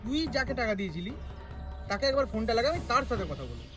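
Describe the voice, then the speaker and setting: A man's voice: very high voice, sing-song, very fast, over music. A man playing a desperate, bitter young man. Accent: Bengali. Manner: urgent, pleading on the phone, then bitter and confrontational. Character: desperate young man cheated out of job money. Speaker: actor in a short film. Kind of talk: naturalistic short film acting.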